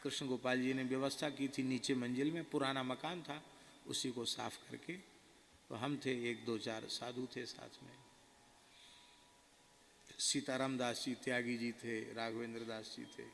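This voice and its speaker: A man preaching a devotional sermon, telling a personal story in a slow, earnest first-person way. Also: mid-range voice, fairly even intonation, vocal fry, a bit bright. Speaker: spiritual preacher. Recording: reverberant hall with faint noise.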